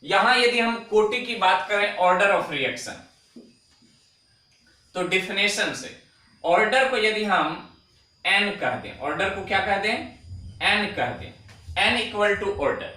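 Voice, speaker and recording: A man teaching a chemistry lecture on video, dictating definitions slowly and repeating them word by word. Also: high-pitched, animated, bright, forceful tone, reverberant, distant mic, low-quality recording.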